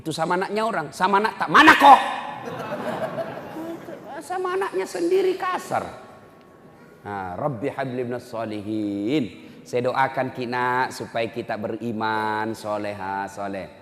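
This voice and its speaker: A man delivers a joking sermon, his pitch leaping high and low as he acts out scolding mothers and crying children. His voice sits slightly high for a man. It echoes through a big hall with a long reverb tail. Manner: animated, acts out parents and children, jokes with the audience. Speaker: preacher. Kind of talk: humorous sermon to a congregation.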